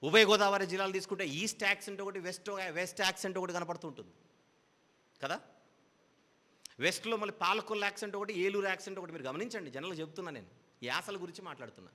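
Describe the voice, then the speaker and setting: A man's voice: high-pitched, quick pace, pushed and bright, long reverb tail. A man preaching a Bible teaching sermon, explaining patiently with repeated parallel phrases.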